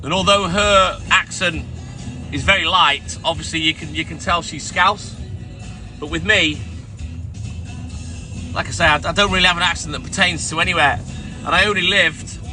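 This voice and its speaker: Speaking a little high with a sharp tone, this man takes long pauses at a moderate pace while soft music plays behind him. He's a milkman streaming live from his van and its surroundings with his dog, rambling through stories and calling out viewers by name. His accent is a regionless English mix, shaped by a Midlands origin and part of his upbringing in North Wales.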